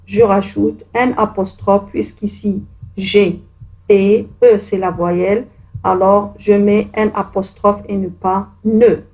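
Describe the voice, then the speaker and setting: Slow, patient woman teaching children. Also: medium pitch, level tone, darkish tone. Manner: slow, patient and encouraging, addresses pupils directly. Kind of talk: grammar lesson for children.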